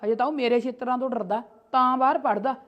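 A woman playing a sharp-tongued protective mother. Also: high-pitched, quick pace, muffled recording, close to an everyday voice. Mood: scornful. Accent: Punjabi. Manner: argumentative, scolding, defensive. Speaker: sister-in-law. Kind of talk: homemade family skit.

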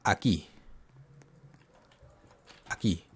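A man giving casual gameplay commentary, talking to himself and getting jumpy and scared as he plays. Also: drawn-out words. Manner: jumpy, talks to himself while playing.

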